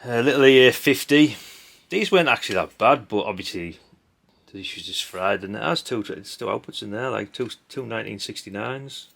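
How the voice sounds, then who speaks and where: This middle-aged man's voice is medium-pitched, creaky, a bit bright, and expressive, and he talks fairly quickly. As a hobbyist host he gives casual, rambling commentary while sorting old electronics, bluntly and dryly, with tag questions and mild swearing. Clinking parts and background noise fill the recording.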